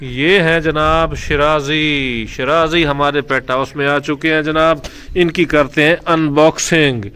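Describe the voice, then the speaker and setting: A man's voice: fairly high pitch, steady tone, a little slow, pushed and bright, a little hiss or hum. A man hosting a casual pet vlog at an outdoor bird enclosure, instructing a boy as he narrates. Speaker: vlog host.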